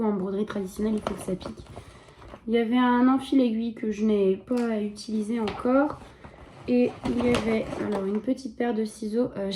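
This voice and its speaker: A woman with a mellow, soft voice chats about her stitching in a relaxed show-and-tell. She hesitates often and fills pauses with small sounds. Now and then her voice drops to a murmur. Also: mid-range voice. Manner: chatty, hesitant, many fillers; soft, sometimes drops to a murmur while checking. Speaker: embroidery vlogger.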